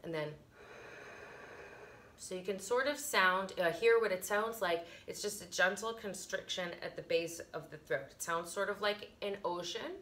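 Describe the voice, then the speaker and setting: A middle-aged woman giving casual yoga instruction as a teacher, explaining informally with soft emphasis and little pauses, recorded in a living room by a camera a few feet away. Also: mid-range voice. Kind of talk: casual instructional talk, guided breathing demonstration. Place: carpeted living room, indoors.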